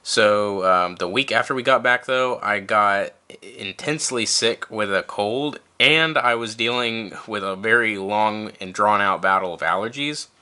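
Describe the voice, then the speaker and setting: A man's voice: on the low side, a little slow, hardly any pauses, bright, forceful tone, clear, resonant tone. A man hosting a tabletop wargaming channel, chatting casually and informally to his viewers. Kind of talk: casual vlog talk to camera.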